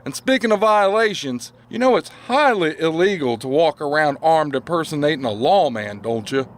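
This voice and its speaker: A man's voice: a little high, expressive, moderate pace, lightly acted. An actor playing a folksy small-town ex-lawman who talks in rambling, flowery similes with a rural drawl. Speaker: former lawman character. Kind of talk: audio drama acting.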